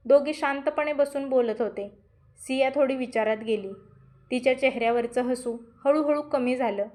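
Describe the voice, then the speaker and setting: Narrator: woman, fairly high voice, gentle and emotional scripted storytelling. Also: moderate pace.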